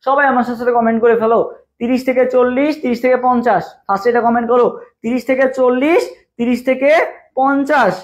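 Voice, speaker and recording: Speaking fast in an extremely high, steady voice, a young tutor leads a live online admission test class. Viewers are asked to type along in the comments while he drills them with repeated questions, and the stream audio is dull lo-fi.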